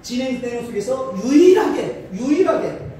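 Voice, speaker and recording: A man's voice: very high voice, lively intonation, moderate pace, warm tone. A male pastor from Chungcheong giving a combative political lecture to an audience, firing rhetorical questions and repeating his phrases for emphasis. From Chungcheong, Korea. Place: lecture hall. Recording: echoey hall from a distant mic, faint noise.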